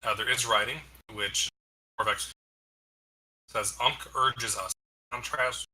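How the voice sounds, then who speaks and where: A man's voice: mid-range voice, fairly even intonation, takes it slowly, sharp tone, breathy edge. A man running a tabletop game over voice chat, his mic moved away, so his voice sounds far off and keeps cutting out with clipped endings. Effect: choppy audio cutting out, with cut-off endings. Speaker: game master. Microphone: online voice chat, mic moved away from his mouth.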